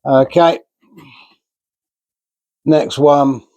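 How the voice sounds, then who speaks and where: Stretching out his words in a steady, slightly high and mellow voice, a DIY vlogger explains his build as he goes, joking at his own expense. The remote-mic recording is dry, with the high frequencies cut off.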